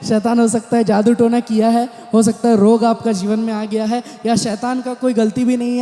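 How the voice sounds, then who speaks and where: In a big church hall, a male pastor with a high, mellow voice delivers a sermon, frequently calling out amen and hallelujah and dropping English words into his speech. Long reverb fills the echoey recording.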